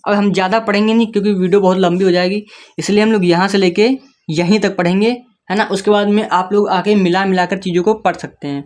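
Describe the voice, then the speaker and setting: A man gives a beginner's reading lesson, building each word slowly from its letters. His talk is patient and repetitive, with frequent check-ins with the learner. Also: high voice, steady tone. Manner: patient, spells words letter by letter, keeps checking in with the listener. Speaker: English reading teacher. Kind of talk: step-by-step spoken lesson.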